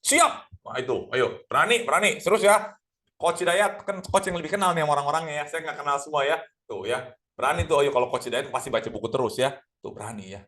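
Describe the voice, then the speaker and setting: Middle-aged male sales trainer, energetic, quick delivery, keeps asking the audience questions. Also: on the high side. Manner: energetic, addresses audience as Bapak Ibu, rhetorical questions. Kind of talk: lively online sales class.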